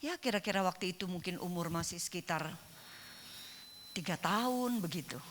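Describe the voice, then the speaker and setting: A woman's voice: lowish voice, animated, normal speed, a little hiss or hum. A woman pastor preaching a sermon in church, telling a personal story and acting out the dialogue she quotes.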